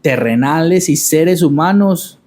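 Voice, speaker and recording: A man who hosts a podcast and talks reflectively, pausing and repeating words as he searches for them. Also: on the high side, lively intonation, a little mellow. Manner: thoughtful, halting, repeats words while searching. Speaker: podcast host. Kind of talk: reflective conversation.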